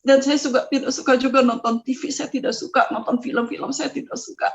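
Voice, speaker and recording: A woman's voice: high-pitched, fairly even intonation, fairly quick. A middle-aged woman giving a personal testimony, telling her story with strong feeling, her voice at times rising and breaking. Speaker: testimony speaker. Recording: slightly dull lo-fi sound.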